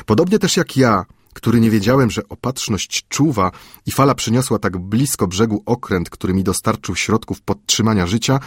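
A middle-aged male audiobook narrator reads a classic adventure tale in a measured, steady way. His voice sits low with a husky grain, and the recording is dry and close with no room sound. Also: no echo. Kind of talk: scripted literary narration.

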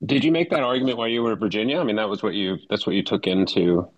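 A man's voice: lowish voice, very fast, muffled recording, crowd noise. A man co-hosting a podcast, chatting casually in a rambling, jokey way and often repeating his phrases. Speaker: podcast co-host and Anglican pastor. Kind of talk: casual chat.

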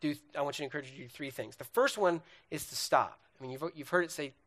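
A man's voice: fairly high pitch, fast, fairly bright tone. A young man with a slightly raised voice gives an earnest sermon on relationships. He talks in a loose, conversational way, addressing the listeners directly and checking in with them often. He names feelings and questions one after another. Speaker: speaker on relationships.

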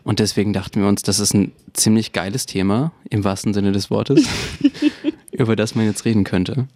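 A man's voice: on the low side, normal speed, darkish tone, no echo. A man in his twenties co-hosting a podcast, chatting casually and frankly, laughing often. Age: 20s. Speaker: podcast co-host.

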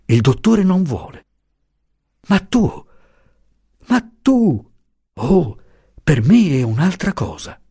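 A man reading aloud, voicing a young mother who speaks of her dead little daughter in a calm, hushed, tender way. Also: fairly high pitch, slow pace, gravelly, pauses often, husky, no room sound, studio quality, pitched above the performer's own voice, heavily acted. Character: grieving young mother, quietly composed.

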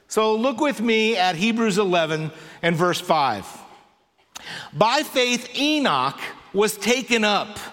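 Unhurried male preacher in a reverberant hall. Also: high voice, a bit bright. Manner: unhurried, conversational preaching with wry humor. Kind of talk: sermon. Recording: long reverb of a large hall.

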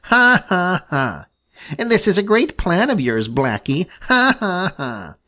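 A man's voice: high-pitched, big pitch swings, slow pace, sharp tone, pitched above the performer's own voice, full character voice. A man voicing a mocking red squirrel who laughs at a crow.

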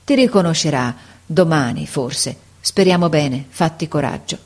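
A woman reading aloud, giving the lines of a grave, elderly male doctor who speaks in a gently reassuring way. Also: low-pitched, animated, measured pace. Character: aged, grave, tall male hospital doctor.

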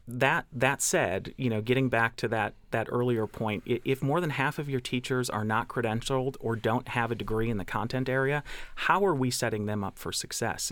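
A man's voice: mid-range voice, fairly bright tone, no room sound. A man speaking as a representative of an education nonprofit, earnest and citing statistics. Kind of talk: radio interview.

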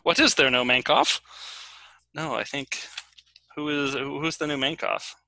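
A man's voice: a little high, steady tone, a little slow, vocal fry, bright, forceful tone, dry recording, rough recording. A man co-hosting a casual podcast, jokey and self-deprecating, laughing often. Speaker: podcast co-host.

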